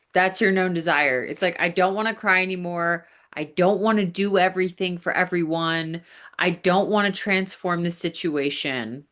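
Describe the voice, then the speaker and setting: Woman, lower voice, chatty tarot reader who talks straight to the viewer. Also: fairly bright tone. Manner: chatty, addresses the listener directly, many fillers. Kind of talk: casual tarot reading.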